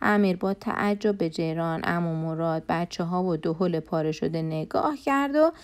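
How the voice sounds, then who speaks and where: A woman's voice: on the low side, clean tone. Woman narrating a children's story.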